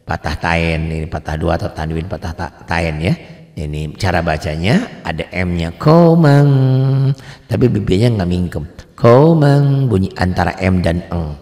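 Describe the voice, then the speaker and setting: A man teaching the rules of Quran recitation in a casual lesson, asking and answering his own questions and stretching out example words in a slow chant. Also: sits low, a little mellow, big-room sound. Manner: drops into slow drawn-out chanting on example words, quizzes himself aloud.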